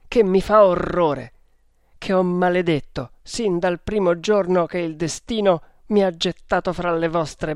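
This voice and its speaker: A man's voice: a little high, darkish tone, dry recording, clean studio sound. A man voicing a desperate young woman held captive in an audiobook, pleading in anguish. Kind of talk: audiobook character reading.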